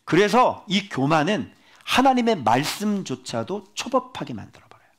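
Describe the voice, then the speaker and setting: A male pastor giving a sermon, emphatic and animated, with many rhetorical questions to the congregation. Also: high-pitched, normal speed.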